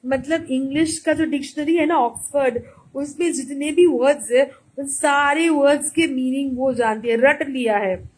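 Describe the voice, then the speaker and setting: A woman vlogger telling a sarcastic, animated story in a mocking monologue. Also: high voice, moderate pace, slight background noise, poor audio. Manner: animated, mixes Hindi and English, mocking.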